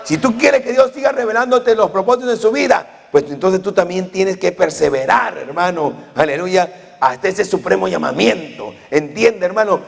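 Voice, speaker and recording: A man's voice: sits high, creaky. A man in his forties preaching a fervent sermon as pastor, punctuating his points with amen and hallelujah. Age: 40s. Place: church hall. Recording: long reverb of a church hall.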